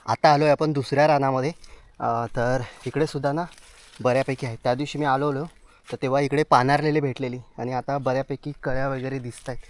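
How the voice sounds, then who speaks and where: With a mid-range voice that stays steady and runs a little fast, a Konkan Marathi-accented man from Konkan, India, narrates a walking vlog. He forages wild mushrooms through forest and fields, repeatedly telling viewers to look.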